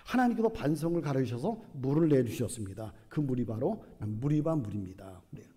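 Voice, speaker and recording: A man's voice: medium pitch, lively intonation, brisk, dark tone, in a large hall. A male pastor preaching a sermon, telling the story and acting out its dialogue.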